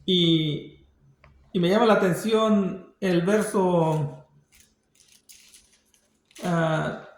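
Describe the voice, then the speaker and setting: A man preaching a sermon, speaking in a slow, halting way that often repeats words. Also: high-pitched, roomy sound.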